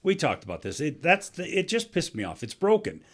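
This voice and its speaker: A man's voice: fairly high pitch, huge pitch swings, brisk, fairly bright tone. A man co-hosting a sports podcast, chatting casually and giving blunt, opinionated takes. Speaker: podcast co-host.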